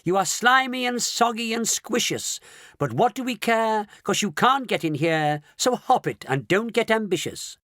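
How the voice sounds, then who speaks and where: Man doing a lively, eccentric chocolate maker. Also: on the high side, normal speed, dry recording, studio quality. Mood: triumphant, taunting. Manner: theatrical, exclamatory.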